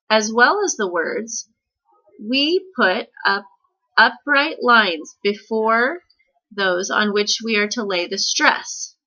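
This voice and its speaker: A woman's voice: a little high, pushed and bright, lo-fi sound. A woman teaching a recorded music lesson, explaining patiently step by step and checking in with "okay?" as she goes.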